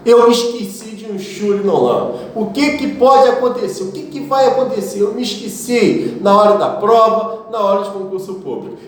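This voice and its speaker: A man's voice: sits high, far from the mic, slight background noise. A man teaching Portuguese grammar with a Brazilian accent, patient and didactic, spelling out letters and checking in with his listeners. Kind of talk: explanatory lesson on accent rules. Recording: echoey room, voice from off the mic.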